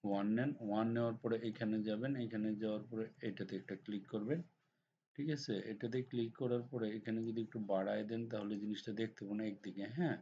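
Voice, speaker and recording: A hoarse man with a cold walks through a design software tutorial step by step, often checking that the viewer is following. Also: fairly low pitch, fairly even intonation, fast talker. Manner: step-by-step instructions with frequent checks like "ঠিক আছে?". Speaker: computer design instructor. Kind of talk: screen-recorded software tutorial. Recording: dull lo-fi recording with faint noise.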